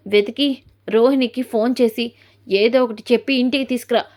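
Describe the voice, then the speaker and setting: A woman plays a blunt, stern mother in a retold family drama. She scolds and lectures in a fairly high voice. The delivery stays plain and storybook-like. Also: fairly even intonation, normal speed, a little mellow, natural voice. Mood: scolding.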